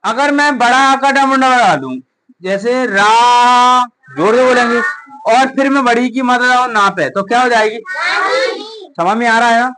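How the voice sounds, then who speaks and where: In a coaching classroom, a woman teacher runs a Hindi phonics lesson for children, drilling them on vowel signs and answering her own questions. Her voice is on the high side and brisk, with background noise.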